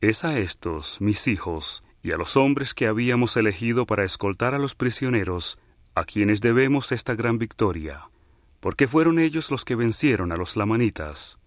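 A man giving a slow, measured and reverent scripture reading. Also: fairly low pitch, lively intonation, no room sound, studio quality. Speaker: scripture reader.

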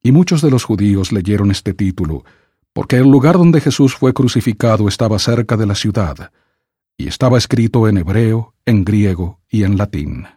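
Man, deep-ish voice, audiobook scripture reading, measured and solemn, dry recording. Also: lively intonation, warm tone, slightly rough, no echo. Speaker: scripture reader.

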